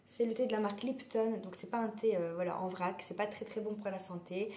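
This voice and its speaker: A woman vlogger chatting casually while hoarse from a sore throat, rambling with many fillers. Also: medium pitch, steady tone, a little fast, warm tone. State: sore throat, losing her voice. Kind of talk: casual chat. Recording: roomy echo.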